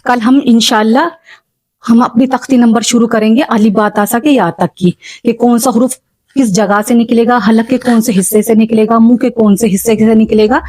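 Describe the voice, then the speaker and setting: A woman giving a spoken lesson on Quran recitation, patiently explaining and repeating examples slowly. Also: on the high side, fairly even intonation, dark tone, no room sound. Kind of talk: spoken religious lesson for beginners.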